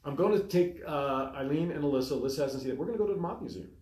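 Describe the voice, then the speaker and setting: Racing along in a fairly high-pitched voice, a man co-hosting a podcast talk show reads through a list of topics with lively, casual energy. The small studio gives the recording a roomy sound.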